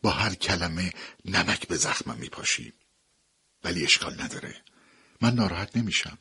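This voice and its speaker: A man voicing a reserved, gruff aging father-in-law in an audio story, speaking in a terse, weary, measured way. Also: low-pitched, lively intonation, pushed and bright, heavily acted. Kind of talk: dramatic audiobook dialogue.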